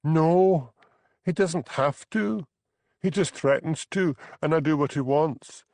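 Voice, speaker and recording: In a dry recording, a man with a darkish tone reads slowly from an audiobook. He gives a plaintive, pleading, high-pitched voice to a young crofter's wife who is anxious, tearful and trapped in an unhappy marriage.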